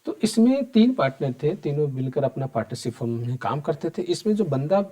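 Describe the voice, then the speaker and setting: A man's voice: fairly high pitch, very animated, brisk, warm tone. Hindi-speaking man teaching accounting exam prep. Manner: conversational, addresses students directly and asks them questions; repeats key points, answers his own questions.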